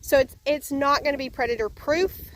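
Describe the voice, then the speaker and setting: A woman's voice: high-pitched, normal speed, a little hiss or hum. Chatty woman vlogging from the farm. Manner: chatty, many ums and uhs, restarts. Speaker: homesteading vlogger. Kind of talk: casual on-site explanation. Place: outdoors at a chicken pen on a farm.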